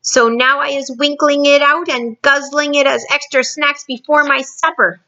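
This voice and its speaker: A woman voicing a huge bullying male giant who booms and shouts insults in a storybook reading. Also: steady tone, normal speed, muffled recording. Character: fifty-foot male giant, bullying and hungry.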